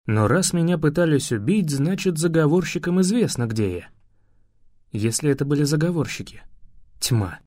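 A man reading a first-person audiobook narration in a reflective, expressive way. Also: fairly high pitch, moderate pace, dry recording, studio quality.

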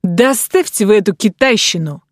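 A woman's voice: mid-range voice, lively intonation, fairly quick, dry recording, studio quality, lightly acted. A woman reading the part of a self-important young male lieutenant acting as second, officious in manner.

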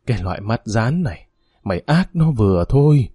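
A man's voice: lowish voice, big pitch swings, brisk, dark tone, slightly rough, dry recording. A man doing a furious scolding old grandmother. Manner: scolding, cursing. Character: furious old grandmother, sharp-tongued and loud.

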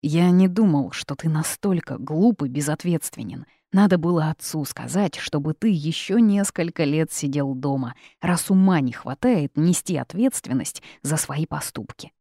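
A woman's voice: deep voice, lively intonation, normal speed, few pauses, mellow, dry recording, studio quality. A woman voicing an arrogant, haughty male dragon who scolds and threatens. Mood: scolding.

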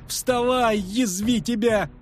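A man's voice: sits high, moderate pace, pitched above the performer's own voice, lightly acted. Jaskier, a man shrieking as a frantic poet. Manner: frantic shouting. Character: panicky young male poet, shrill and excitable.

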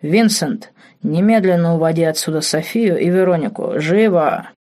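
A man's voice: fairly high pitch, normal speed, darkish tone, close to an everyday voice. A woman reading an audiobook voices an angry demonic duke giving harsh, cold commands. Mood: furious.

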